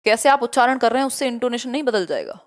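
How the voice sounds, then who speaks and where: A young woman teaching an online exam-prep lecture, brisk and chatty, mixing in English terms. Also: a little high, animated.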